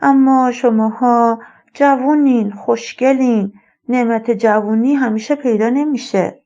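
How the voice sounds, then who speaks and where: A woman voicing an elderly retired male colonel, a rambling and wistful father who speaks slowly and musingly. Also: a little high, fairly even intonation, dark tone, highs cut off, close to an everyday voice.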